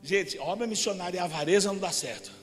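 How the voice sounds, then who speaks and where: A man with a Brazilian Portuguese accent preaching a sermon at a church service, telling stories in an animated way and rising to shouts. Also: high-pitched, quick pace. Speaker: pastor. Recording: reverberant church hall with faint music.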